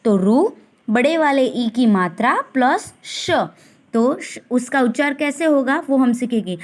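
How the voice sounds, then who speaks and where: A woman teacher with a high voice, leading a recorded lesson for young children. She speaks at an unhurried crawl, drawing each syllable out carefully so the class can follow and repeat after her. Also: animated. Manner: slow, deliberate, stretching syllables to model pronunciation. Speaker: primary school teacher.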